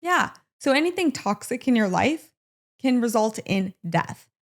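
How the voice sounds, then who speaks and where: A Midwestern American woman hosts her own solo podcast on everyday wellness, speaking at a moderate pace in a high-ish voice. Chatty and animated, she talks casually and playfully straight to the listener, dropping in playful asides.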